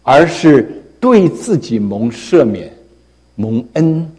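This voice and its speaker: A male pastor preaching a sermon in an animated storytelling manner. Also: mid-range voice, slow pace, husky, big-room sound. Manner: storytelling, animated, frequent tag particles.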